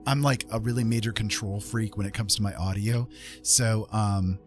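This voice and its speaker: With music playing, a man who once worked in radio talks easygoingly to his viewers during a livestream. His voice is lowish and fairly even in intonation, at a moderate pace.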